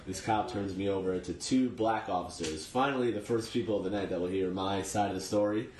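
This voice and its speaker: A man's voice: fairly low pitch, a little fast, background noise. Wry young New man in echoey room. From Long Island, New York. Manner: laid-back, profane, wry anecdotes. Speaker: guest comedian. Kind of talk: casual storytelling interview.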